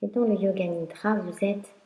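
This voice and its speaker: A woman with a mid-range voice teaches yoga nidra, narrating a guided meditation in a calm, instructional manner with long pauses. The recording has a roomy echo.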